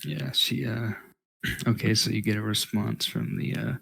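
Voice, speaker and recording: Very gravelly, flat-toned man running a game. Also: on the low side, measured pace. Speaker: game master. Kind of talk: casual improvised tabletop game narration.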